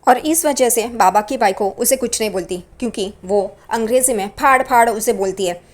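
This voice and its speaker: A woman's voice: a little high, brisk. A woman narrating a recap of a TV serial episode in plain running narration.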